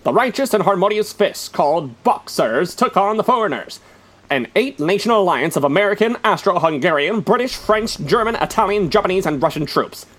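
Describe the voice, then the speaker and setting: Man, high-pitched, mock newsreel announcer, dry wry delivery. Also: expressive, moderate pace, a bit bright. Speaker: radio show host. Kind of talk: comic mock-newsreel narration.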